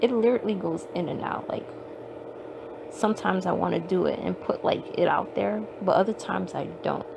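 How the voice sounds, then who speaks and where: A woman with a fairly low, creaky voice hosts a podcast recorded on her phone, speaking at a normal pace against background noise. She rambles casually, swearing and using lots of fillers.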